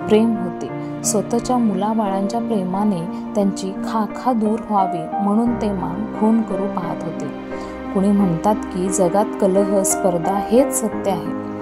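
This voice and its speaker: A woman reading an audiobook in a measured, expressive storytelling style. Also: medium pitch. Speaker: audiobook reader. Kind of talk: storytelling narration. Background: soft music.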